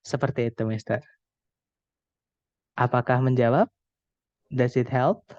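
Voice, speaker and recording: A young Indonesian man tutoring an online English grammar class, explaining slowly and patiently with many examples. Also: medium pitch, fairly even intonation, darkish tone, no echo. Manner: patient, explains slowly, often addresses students as friends. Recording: dull dry call audio.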